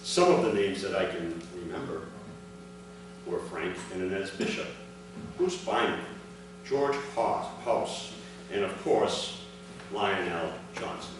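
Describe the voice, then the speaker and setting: With a voice that sits low, a man delivers his father's written first-person account to a commemoration audience, using a measured style of short, distinct phrases. He's captured by a distant microphone in a large, reverberant room with clear background noise.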